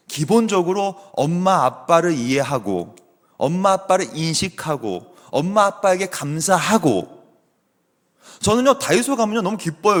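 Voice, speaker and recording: Animated middle-aged man preaching. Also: high voice. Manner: animated storytelling, chatty with the congregation. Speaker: guest preacher, theology professor. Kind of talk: sermon. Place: church sanctuary. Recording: long church hall reverb.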